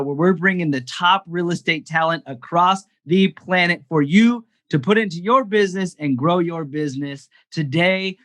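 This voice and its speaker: Man, podcast host, slightly high voice, enthusiastic, stammers. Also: fairly bright tone. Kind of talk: casual interview.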